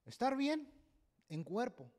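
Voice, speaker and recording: A pastor preaches at a church service, his voice pitched high for a man. He talks emphatically and keeps checking in with his listeners with a questioning "right?". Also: sing-song, takes it slowly, darkish tone. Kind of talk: sermon.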